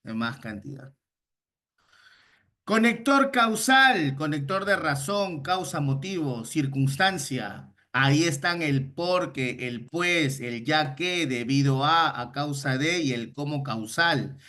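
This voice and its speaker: A man's voice: fairly high pitch, lively intonation, takes it slowly, pushed and bright. A man teaching an online grammar class, explaining patiently and often checking that students follow. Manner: explains patiently, checks understanding with frequent short questions.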